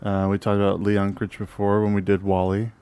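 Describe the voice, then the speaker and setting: Low-voiced man hosting a halting movie chat. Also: completely flat delivery, warm tone, smooth. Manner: reads film credits in a halting way, with fillers and restarts. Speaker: podcast co-host. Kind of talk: casual movie podcast chat.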